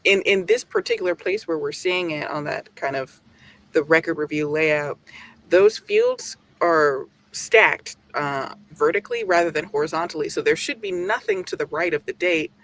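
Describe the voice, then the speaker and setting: A man co-hosts a tech podcast and thinks aloud in an analytical way. His voice sits fairly high for a man. He pauses often with fillers as he works through his point. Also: lively intonation, a bit bright. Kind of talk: casual tech discussion.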